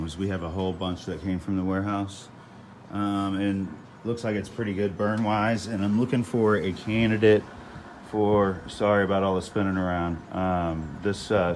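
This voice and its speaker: A man giving a casual hands-on repair walkthrough as host, halting and thinking aloud as he works. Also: on the low side. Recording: noisy fan hum over the voice. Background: whirring fan noise.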